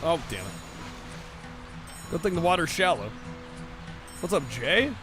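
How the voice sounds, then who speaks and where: A man's voice: fairly high pitch, very animated, a little slow, over music. A man giving casual gaming commentary as a livestreamer.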